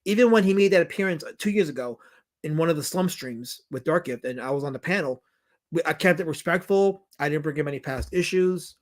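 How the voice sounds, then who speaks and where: The voice is a little high and brisk: a documentary director from New York fielding livestream comments. He rambles and stresses his points, with plenty of restarts and repeated phrases.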